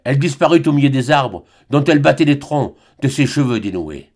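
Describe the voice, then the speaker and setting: A man narrating a classic novel as an audiobook reader, in a measured, dramatic way. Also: medium pitch, lively intonation, darkish tone.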